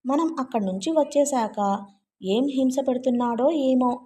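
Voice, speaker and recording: A woman narrating a novel aloud with an expressive storytelling reading. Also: sits high, moderate pace. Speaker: audiobook narrator.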